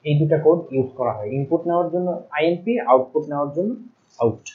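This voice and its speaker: A young man teaching programming, explaining step by step and pausing to write things out and correct himself. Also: fairly high pitch. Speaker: ICT teacher. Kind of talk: recorded classroom lecture. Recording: dull lo-fi recording.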